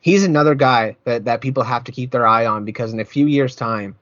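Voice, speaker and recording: A man's voice: medium pitch, fairly quick, a bit bright, no room sound, muffled recording. Rambling, heated podcast host man. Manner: rambling, repeats words, gets heated. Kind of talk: casual wrestling podcast chat.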